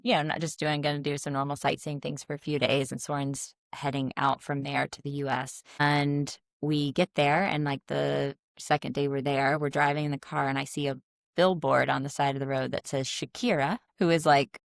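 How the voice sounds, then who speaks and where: A middle-aged woman co-hosting a podcast, chatty and animated as she recounts family travels. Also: low voice, normal speed, gravelly, no echo, clean studio sound. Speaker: podcast co-host. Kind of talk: casual storytelling chat.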